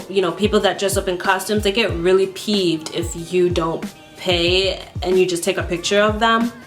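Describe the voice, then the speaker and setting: Casual woman vlogger, mid-pitched and chatty, telling a travel story over faint background music. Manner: chatty, frequent "like" fillers, animated re-enactments.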